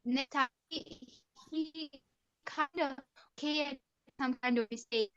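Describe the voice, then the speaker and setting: A woman teacher speaking over a bad connection on a video call, her audio cutting out as she tells a halting classroom story full of pauses and restarts. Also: high-pitched, fairly bright tone, slight background noise. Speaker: teacher attending a webinar. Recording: muffled, dull audio over a choppy call line.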